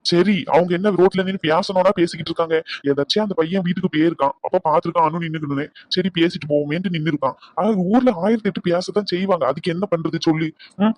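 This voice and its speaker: An outspoken young nephew from a cartoon family drama, voiced by a man. He scolds in a quick, insistent voice. The recording is dry and close. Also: fairly high pitch, fairly even intonation, no room sound, close to an everyday voice. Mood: scolding.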